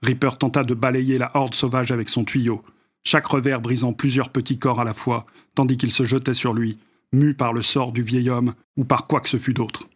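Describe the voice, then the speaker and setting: A man reading a story aloud as narrator, at a measured, even pace. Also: medium pitch, breathy edge. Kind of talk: audiobook narration.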